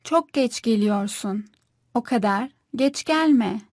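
A woman repeats short course phrases in a clear, careful reading. Her voice sits a little high. The recording is dry and close. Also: animated, slow pace, darkish tone, no echo. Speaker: Turkish phrase reader.

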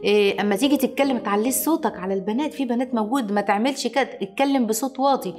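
A woman's voice: on the high side, rapid-fire, a little mellow, faint music behind. A woman with an Egyptian accent giving an informal lecture on parenting. She speaks emphatically and uses rhetorical questions and repetition. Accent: Egyptian Arabic.

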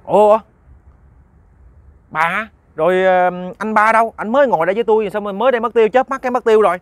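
Guy doing a riled-up old villager, stumbles over his words, kinda high. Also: expressive, normal speed, fairly bright tone, no room sound. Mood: alarmed. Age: older. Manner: pleading, then agitated and stammering. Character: worried old village man, hot-tempered.

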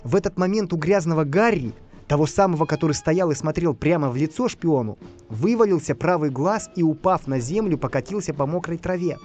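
A man reading a bedtime story aloud in an expressive, lively way. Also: fairly high pitch, fairly quick, soft background music. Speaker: narrator.

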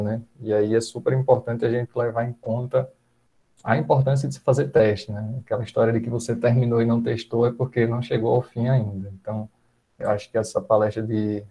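A man in his thirties with a Northeastern Brazilian accent, moderating a webinar over a video call in a relaxed, filler-heavy way. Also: medium pitch. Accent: Northeastern Brazilian Portuguese. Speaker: event moderator. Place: small room at home. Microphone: earphones, video call.

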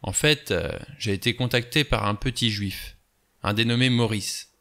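Wry, offhand adventurer read by a man, bright, slightly low voice. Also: normal speed. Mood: sardonic.

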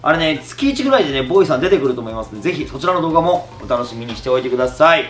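Middle-aged man from Kumamoto with a Kumamoto accent, teasing host, lively and a bit high, roomy sound with music underneath. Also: very fast. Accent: Kumamoto dialect. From Kumamoto, Japan. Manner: joking, teasing, laughs often. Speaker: YouTuber host. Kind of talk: casual chat.

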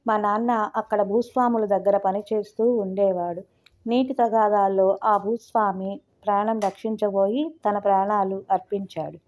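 A humble young man from a spoken novel, read aloud by a woman, polite and soft-spoken. His voice sits warm and mellow, at an ordinary middle pitch. He talks with quiet respect. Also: fairly even intonation, normal speed, lightly acted. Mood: sorrowful. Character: humble young male graduate, polite and grieving.

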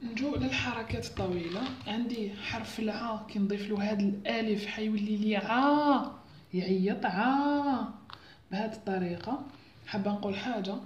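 A woman teaches first-grade reading, drawing out each syllable with patience. Her voice sits a little high. The recording comes from an echoey room. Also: darkish tone. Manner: explains patiently, sounding out syllables slowly. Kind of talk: home lesson on Arabic letters for parents.

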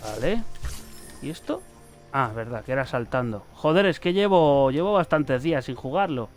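A man with a Spain Spanish accent giving excitable gameplay commentary, swearing and shouting warnings at the screen. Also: mid-range voice, moderate pace, faint music behind. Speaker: gaming youtuber.

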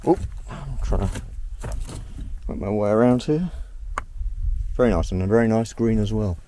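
Speaking at a moderate pace with lively intonation, this lowish-voiced Australian man narrates his way through an outdoor ruined house against a noisy background. As an exploration vlogger, he stays curious, wondering aloud about his finds and thinking on his feet in casual walkthrough style.

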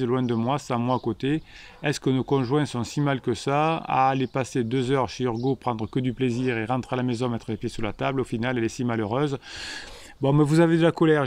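A man's voice: mid-range voice, darkish tone. Emphatic, scolding French male coach. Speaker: relationship coach. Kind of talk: live-stream reading comments.

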